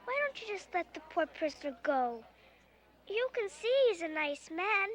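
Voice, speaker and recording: A woman playing an outspoken, sensible young girl in a theatrical fantasy drama, often calling out loudly. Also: very high voice, very animated, normal speed. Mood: indignant, frank.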